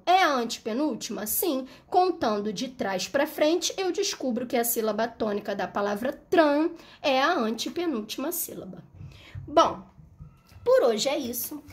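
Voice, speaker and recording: A woman teaching a primary school video lesson, her high voice swinging widely up and down. She explains patiently and step by step, checking in with her young pupils often. She sings out example words to show the stressed syllable. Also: very animated, unhurried.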